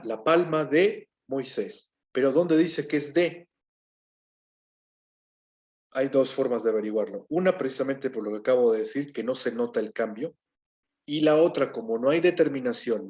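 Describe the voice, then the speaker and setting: A man's voice: medium pitch, normal speed, darkish tone, dull audio. A man teaching a grammar lesson, explaining step by step and often checking in with his listeners. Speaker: Hebrew teacher.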